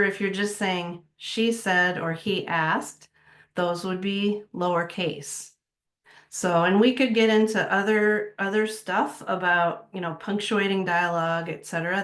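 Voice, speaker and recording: A woman editor giving a casual talk on writing style, relaxed and conversational, thinking aloud as she goes. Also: fairly low pitch. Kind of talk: casual presentation.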